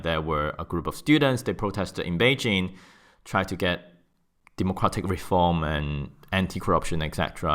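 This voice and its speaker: Speaking in a low, slightly bright voice, a man in his thirties from Hong Kong, with a matching accent, is a guest being interviewed in an office. He answers thoughtfully, with frequent fillers and restarted sentences.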